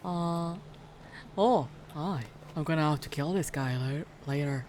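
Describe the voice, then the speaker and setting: A man from the Philippines rambles slowly through a game stream, joking and swearing as he plays. His voice is close on a desk mic with faint background noise. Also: a little high. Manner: rambling, joking, swears and laughs while playing. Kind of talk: casual gameplay commentary.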